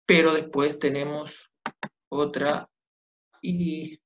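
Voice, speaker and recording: Profesor pausado, voz algo aguda. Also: male voice, fairly high pitch, level tone, a bit bright. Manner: patient, checks understanding with tag questions. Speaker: Biblical Hebrew teacher. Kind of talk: classroom lecture at a whiteboard. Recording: dull lo-fi classroom recording.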